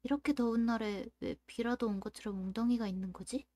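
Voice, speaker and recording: A woman's voice: fairly high pitch, a little fast, no room sound. Woman reading a game's story aloud. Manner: reads narration in a steady storytelling voice. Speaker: game streamer. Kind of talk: let's-play reading game text aloud.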